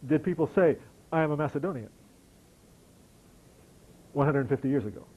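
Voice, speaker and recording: A man's voice: on the high side, expressive, normal speed, narrow, tinny audio. A middle-aged American man answering audience questions after a lecture, conversational and wry, with frequent restarts. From United States. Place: lecture hall.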